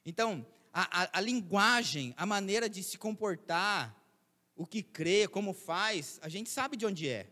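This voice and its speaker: A man's voice: high-pitched, lively intonation, measured pace, bright, forceful tone. A man preaching as a pastor, talking to his church in a conversational way full of rhetorical questions. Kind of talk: sermon. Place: church hall. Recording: reverberant church hall.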